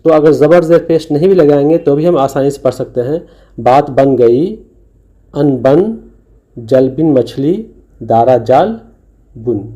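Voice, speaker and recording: A man's voice: medium pitch, a little slow, pauses often, dark tone. A man teaching Urdu letters over slides, patiently sounding out letters and syllables one by one. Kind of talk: recorded lesson explaining a slide.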